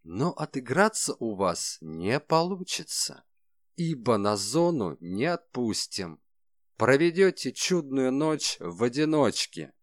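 A man voicing a shrewd, calm detective who speaks in a measured, ironic way, in an audiobook. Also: medium pitch, no room sound, studio quality.

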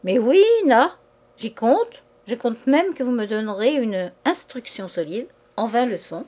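A woman's voice: on the high side, lively intonation, measured pace, a little mellow. A woman voicing a playful young man who teases his new wife in a mock schoolboy manner. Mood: teasing. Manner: mock schoolboy stammer, childish "na?".

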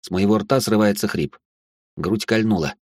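A man's voice: fairly low pitch, normal speed, a little mellow, dry recording, studio quality. A man narrating a first-person audiobook with a sardonic, swearing inner voice.

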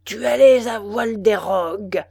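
Creepy little wild man, read by a woman, grim mocking threats, slow, dry sound. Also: fairly low pitch, darkish tone, dry recording. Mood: menacing. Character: small, menacing wild man with a terrible voice.

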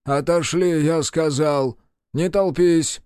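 A gruff, brusque army medic barks at the crowd, as a male reader voices him. The delivery is lively and the recording dry. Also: medium pitch, measured pace, dry recording. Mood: shouting. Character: gruff small army medic, adult man. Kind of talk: audiobook character voice.

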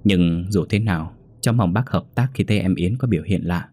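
A man's voice: low voice, fairly quick, mellow, husky, no room sound, studio quality. A man voicing an earnest young man who explains his suspicions respectfully. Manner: careful, respectful.

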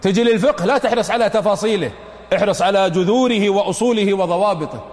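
A man's voice: high voice, fast talker. A middle-aged man with a Saudi accent giving a mosque lecture on jurisprudence, emphatic and repeating phrases to press his point on his students. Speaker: Islamic scholar teaching jurisprudence. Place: large mosque hall. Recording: reverberant mosque hall.

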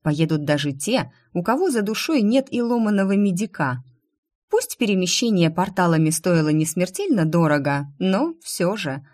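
Lower-pitched woman narrating a novel. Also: moderate pace. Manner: lively, expressive. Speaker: audiobook narrator. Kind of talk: first-person novel narration.

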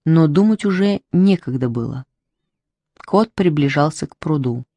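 A storybook narrator reads a fairy tale in an unhurried, wry voice, giving the characters light touches of their own. The voice sits at a middle pitch and is close to the mic in a dry room with no echo. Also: expressive, warm tone. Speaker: audiobook narrator.

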